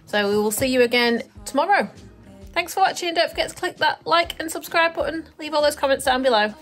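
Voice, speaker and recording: A woman's voice: high-pitched, expressive, brisk, a bit bright, faint music behind. A British woman from the UK chatting casually to camera for her vlog, talking through her day as she goes. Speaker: vlogger.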